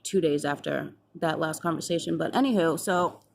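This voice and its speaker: A woman's voice: sits low, moderate pace, creaky. A woman in her twenties telling a personal story to the camera in a chatty, casual way, acting out past conversations and swearing freely. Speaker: vlogger.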